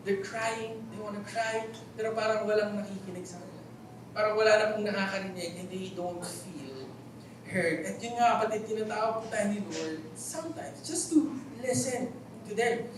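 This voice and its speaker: A man with a Filipino accent preaches in a big, very echoey church hall. He stands well back from the mic, and a faint hum sits under his fairly high voice. He tells his stories in an animated way and keeps asking the listeners questions. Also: moderate pace, distant mic. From Philippines. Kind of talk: sermon.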